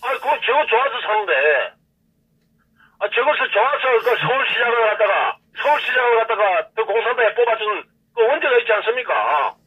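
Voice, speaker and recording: A man's voice: very high voice, animated, a little fast, sharp tone, husky. A male caller with a Gyeongsang dialect, ranting heatedly and repeating himself on a call-in show. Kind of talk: call-in rant. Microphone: telephone. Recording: tinny phone line, distant.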